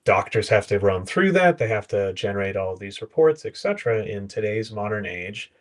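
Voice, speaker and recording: A man speaking as a guest in a casual panel chat over a video call, explaining with concrete examples and quick asides. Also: lowish voice, animated. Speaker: guest consultant.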